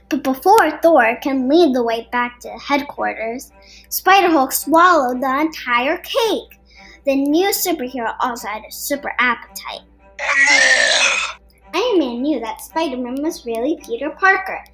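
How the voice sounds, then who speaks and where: Reading a children's superhero tale from a script, this podcast storyteller has a high-pitched, fairly bright voice. The recording is rough, with background music underneath.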